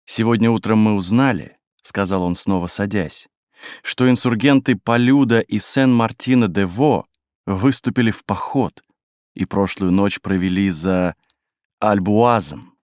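A man voicing an earnest, tender young male revolutionary who speaks in a hushed, low voice in an audiobook. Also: unhurried, no room sound, studio quality, close to an everyday voice.

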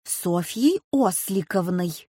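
A woman doing a slow sighing grandmother. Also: lowish voice, animated, warm tone, slightly rough, dry recording, clean studio sound, heavily acted. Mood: fussing. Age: over 60. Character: grandmother, gentle old teacher, fussing.

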